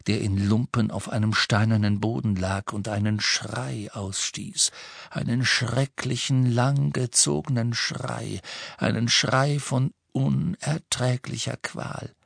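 A man reading an audiobook aloud with measured, dramatic storytelling. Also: medium pitch, steady tone, creaky, dry recording. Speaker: audiobook reader. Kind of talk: scripted narration. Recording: dry close studio sound.

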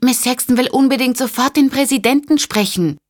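Woman doing a shrill flustered phone operator. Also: a little fast. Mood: urgent. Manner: high-pitched, urgent, pleading.

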